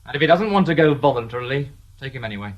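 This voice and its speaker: A man's voice: mid-range voice, animated, racing, lo-fi sound, slight background noise, close to an everyday voice. An actor playing a shrewd police detective inspector in a radio drama, dry and sardonic, needling the people he questions with excessive politeness.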